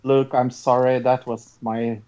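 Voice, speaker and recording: Woman, from Norway, native Norwegian, slow unhurried talk, laughs easily, muffled lo-fi sound. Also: very deep voice, little pitch movement, dark tone. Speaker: quiz host reading accent clues. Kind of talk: casual guessing game among friends.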